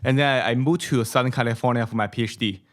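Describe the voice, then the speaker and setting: A man in his thirties from China, speaking with a Mandarin accent, appears as a venture capital guest on a podcast. His mid-range voice moves quickly with fairly even intonation, and he talks casually, repeating himself often and tagging sentences with "right?" He sits close to a studio mic on a boom, wearing headphones, in a small studio room with a brick wall.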